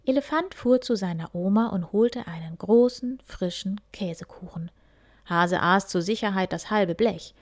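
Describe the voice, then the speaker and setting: A woman softly whispering a children's story, reading one tale after another. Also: mid-range voice, moderate pace. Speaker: reader.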